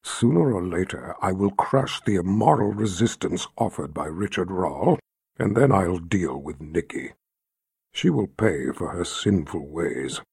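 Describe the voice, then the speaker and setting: A brooding, jealous tyrant emperor with a deep, rumbling voice, put on by a man. He speaks slowly and menacingly, low and heavy, with a slightly husky edge. The sound is dry and close. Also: animated, a little mellow, no room sound, heavily acted.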